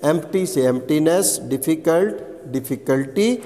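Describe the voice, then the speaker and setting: A man's voice: fairly high pitch, animated, dark tone. A male English teacher, giving a recorded lesson and going through words one at a time. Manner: slow, deliberate, reads glossary word by word with Urdu meanings; reads English definitions very slowly. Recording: long hall reverb.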